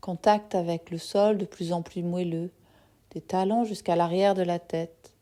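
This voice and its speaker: A woman with a low, mellow voice guides a yoga nidra relaxation as a meditation teacher. She speaks very slowly and softly in short phrases separated by long pauses, her tone steady and soothing throughout.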